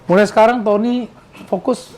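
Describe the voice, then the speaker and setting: A man in his sixties from Indonesia hosts a casual podcast chat. He reminisces in a high voice, rambling and restarting, with a faint hiss behind him. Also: fairly even intonation, normal speed, darkish tone. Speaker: podcast host.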